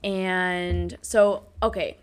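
A woman's voice: lowish voice, steady tone, very slow, clean tone. A woman co-hosting a casual podcast, chatting and reading out news headlines with lots of "like". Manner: chatty, reads out headlines with filler "like". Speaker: podcast co-host.

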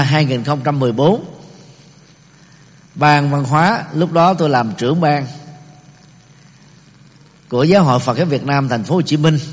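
A middle-aged man giving a Buddhist teaching talk, explaining terms step by step, pausing often and using many fillers. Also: a little high. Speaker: Buddhist lecturer. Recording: long reverb of a large hall.

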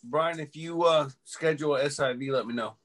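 A man's voice: fairly high pitch, moderate pace, a bit bright. A laid-back man chatting casually with friends. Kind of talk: casual chat.

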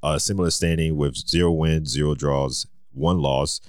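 A man co-hosting a casual sports podcast, reading league standings in a steady listing way and laughing often. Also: a bass voice, normal speed, no echo, clean studio sound. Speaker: podcast co-host.

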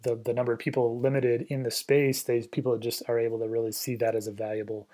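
A man co-hosting a podcast, asking guests questions in a relaxed, thoughtful way, often trailing off quietly. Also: mid-range voice, fast talker. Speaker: podcast co-host. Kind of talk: conversational interview.

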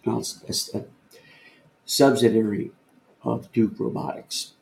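A man's voice: lowish voice, steady tone, measured pace, gravelly. A man in his fifties co-hosting a podcast, chatting casually, rambling and joking with lots of fillers. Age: 50s. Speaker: podcast co-host. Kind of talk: casual chat. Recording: roomy echo, faint ambient noise.

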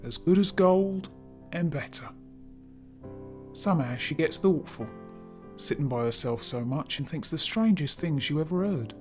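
Weary, motherly voice put on by a male narrator, raised high, soft music under it. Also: expressive, unhurried, long pauses. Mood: tender. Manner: gentle, motherly and careful. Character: weary, kindly poor mother. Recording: background music.

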